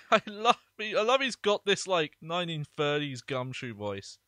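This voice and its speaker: A man giving casual video game commentary as a streamer, rambling in halting asides. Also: a little high, very animated, sharp tone, no room sound. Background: game music.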